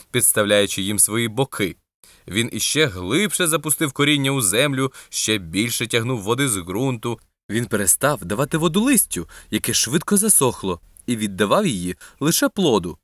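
A storyteller narrating a children's storybook in an expressive, gently paced reading. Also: medium pitch, no echo, studio quality.

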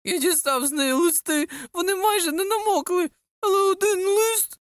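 A woman's voice: very high voice, moderate pace, dry recording, studio quality, pitched above the performer's own voice. A woman voicing a young male wolf postman in a children's storybook, earnest and tearful as he explains himself. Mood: upset. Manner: upset, explaining.

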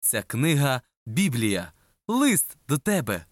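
Expressive woman reading a children's story. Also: very deep voice, slow, no room sound, clean studio sound. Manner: expressive, addressing the child listener.

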